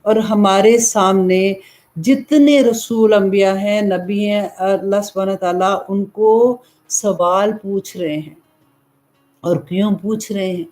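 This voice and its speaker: A woman's voice: medium pitch, steady tone, takes it slowly, a little mellow, soft background music. A woman preacher giving an earnest religious lecture, asking questions and then answering them herself. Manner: earnest, explanatory, asks and answers own questions. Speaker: Islamic preacher.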